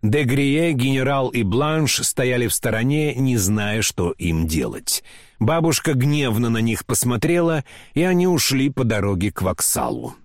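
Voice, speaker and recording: A man's voice: mid-range voice, big pitch swings, unhurried, no room sound, clean studio sound. A man narrating a classic novel as an audiobook, telling the story with dramatic expression.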